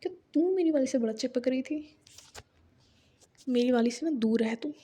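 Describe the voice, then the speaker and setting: A woman voicing a jealous young college woman who shouts and taunts. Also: high voice, normal speed, a little hiss or hum, lightly acted.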